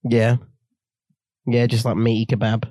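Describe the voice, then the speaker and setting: A man's voice: medium pitch, monotone, unhurried, mellow, no echo, clean studio sound. A man co-hosting a podcast, joking and rambling in casual drunken chat. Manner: jokey, giggly, rambling. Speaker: podcast co-host. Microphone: studio mic.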